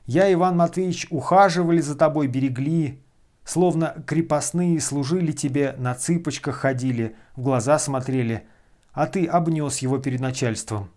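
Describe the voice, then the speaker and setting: A man voicing a brash, abusive freeloader who shouts and hurls insults. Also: a little high, normal speed, natural voice.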